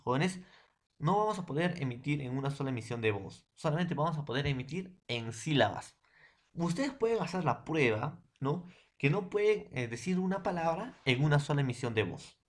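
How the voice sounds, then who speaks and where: In this recorded online lecture, a man from Peru speaks at a moderate pace in an expressive, somewhat high voice while teaching secondary school language. He is patient and repetitive, leaning constantly on tag questions, fillers and addresses to his students.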